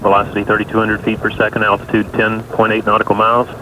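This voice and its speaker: A man giving live flight status commentary from mission control in clipped, factual callouts. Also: quick pace. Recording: noisy broadcast with steady rumble.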